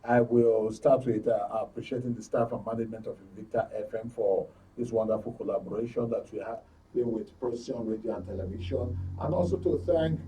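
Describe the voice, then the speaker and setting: Speaking quickly in a lowish, dark voice, a Nigerian-accented man hosts a current affairs talk show in a radio and TV studio, discussing issues and closing the programme. He is emphatic and repeats phrases for stress. The mic is distant, the audio is poor, and there is slight background noise.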